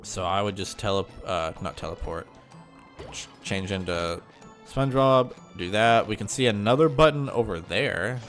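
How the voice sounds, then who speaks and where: On the low side and fairly bright, his animated voice keeps a moderate pace over soft background music. A gaming host with mild sinus congestion and a slightly nasal tone, he walks through the game in a chatty, rambling way, often umming and correcting himself.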